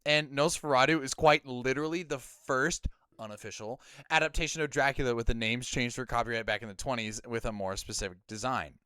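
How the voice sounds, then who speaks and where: A man with a Midwestern American accent, a streamer chatting casually and reading viewer comments aloud, often trailing off quietly. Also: mid-range voice, clear, resonant tone, no echo, studio quality. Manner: talks fast, trails off quietly, reads out comments. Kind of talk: casual chat.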